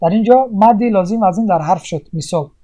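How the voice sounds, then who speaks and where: A recitation teacher giving a tajweed lesson, explaining step by step with pauses and asking and answering their own questions. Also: medium pitch, mellow.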